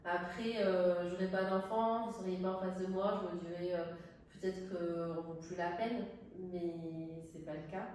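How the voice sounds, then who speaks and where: A middle-aged woman from southern France, a tourist office director, answers interview questions off the cuff, hesitating as she searches for words. Her voice is fairly low, steady, mellow and measured, picked up by a distant mic in a very echoey room with faint noise.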